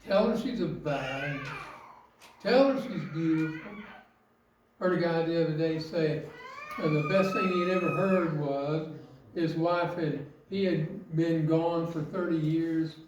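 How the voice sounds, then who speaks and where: A man delivers a sermon in a high, unhurried voice, leaning on rhetorical questions and emphatic phrasing. He stands some distance from the mic. The heavy echo of a church hall surrounds every word. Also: sing-song, darkish tone, a little hiss or hum. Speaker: preacher. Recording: very echoey, from off mic.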